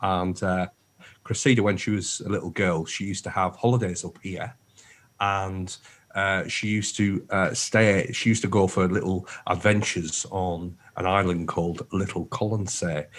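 A man's voice: low voice, fairly even intonation, normal speed. A man co-hosting a radio show, chatting casually and enthusiastically. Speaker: radio co-host.

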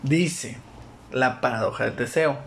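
A man's voice: mid-range voice, a little slow, vocal fry. A young man with a Mexican Spanish accent co-hosting a casual podcast, laughing often and retelling scenes with lots of slang. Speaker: podcast co-host. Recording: roomy room with faint background noise.

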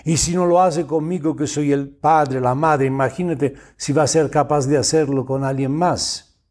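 A man's voice: a little high, fairly even intonation, normal speed, a little mellow. A man hosting an advice show, answering a listener's message in a casual, blunt way, with slang and swearing. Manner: reads out the listener's words and then comments.

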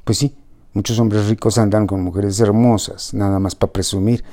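A man's voice: fairly low pitch, fairly even intonation, moderate pace, warm tone, lightly acted. A man voicing a blunt, earthy middle-aged mother who talks in plain colloquial speech in a storybook reading. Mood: explaining.

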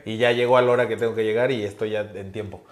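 A young man with a Mexican accent, a guest telling casual anecdotes in a relaxed way. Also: fairly low pitch, fast, roomy sound. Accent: Mexican Spanish. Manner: relaxed storyteller, acts out quoted lines.

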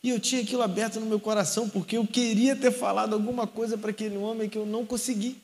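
A man's voice: high-pitched, flat delivery, fast, darkish tone. A young male youth pastor with a Rio de Janeiro accent, telling a personal story in a sermon and acting out the dialogue. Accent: Rio de Janeiro Portuguese.

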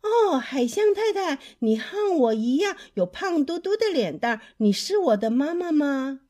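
A woman's voice: sits high, slow, a little mellow, voice pushed up. A woman doing a lonely little storybook bird. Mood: pleading. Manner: pleading, childlike calls. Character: lonely little female bird searching for a mother.

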